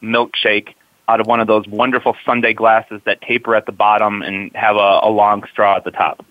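A man's voice: fairly low pitch, little pitch movement, moderate pace, no echo. Easygoing male caller on a phone line. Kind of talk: casual chat.

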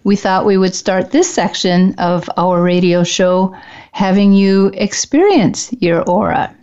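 A woman hosting a radio show, talking casually and gently coaxing listeners through a guided meditation in an unhurried way. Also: medium pitch, lo-fi sound.

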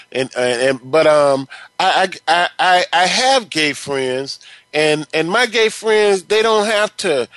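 A man co-hosting a casual sports talk chat, halting and repeating words as he builds his opinions. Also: on the high side, a bit bright, no room sound, poor audio.

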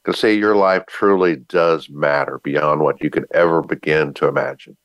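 Deep, firm, raspy male radio host. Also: fairly even intonation, normal speed, no echo, dull audio. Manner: firm, earnest, repeats phrases for emphasis. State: getting over sinus trouble, raspy. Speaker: talk show host. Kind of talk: motivational talk radio monologue.

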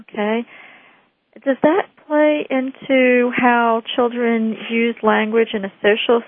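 A woman's voice: on the high side, flat delivery, takes it slowly, dry recording. A woman host asking a guest questions, with short prompts and follow-ups. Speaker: interview host. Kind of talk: interview questions. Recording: tinny phone-like line, dry.

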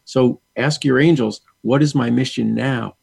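A man's voice: medium pitch, steady tone, a little slow, vocal fry, darkish tone, a little hiss or hum. A male guest in an interview, speaking earnestly and repeating words for emphasis. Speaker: guest, angel communicator. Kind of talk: interview chat, storytelling.

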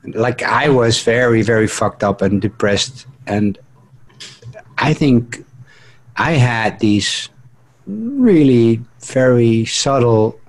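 A man co-hosting a talk radio show about the mind, thinking out loud in a loose, halting way. He repeats little words as he goes, with a mid-range voice and an easy, unpolished delivery. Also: medium pitch, lively intonation. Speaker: co-host.

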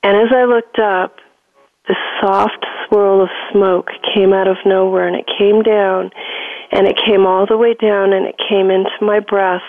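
A woman guest slowly recounting a spiritual experience, telling her story with deliberate, repeated phrases. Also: medium pitch, level tone, dry recording. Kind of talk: emotional spiritual testimony. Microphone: telephone. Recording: dry phone-line audio.

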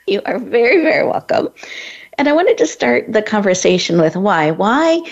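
A woman's voice: medium pitch, very animated, moderate pace, gravelly. Effusive woman host, muffled audio. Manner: effusive, encouraging. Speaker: podcast host. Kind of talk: interview hosting. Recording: dull lo-fi audio.

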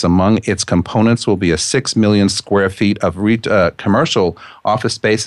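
Low-voiced male host, close dry sound. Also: no room sound. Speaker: radio show host. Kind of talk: hosting, reading prepared notes with asides.

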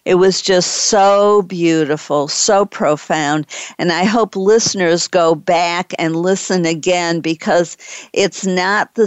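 A woman speaking earnestly and appreciatively in heartfelt conversation, with halting phrasing. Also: lowish voice, clear, resonant tone, dry recording.

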